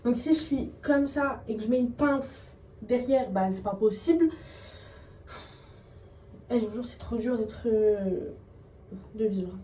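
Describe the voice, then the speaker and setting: A woman's voice: a little high, animated, measured pace, long pauses, dark tone, distant mic. Chatty young woman, roomy and off-mic. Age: young adult. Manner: chatty, rambling, self-mocking, slangy. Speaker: vlogger. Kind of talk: casual vlog chat. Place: home, getting ready. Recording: echoey room, voice off-mic, faint background noise.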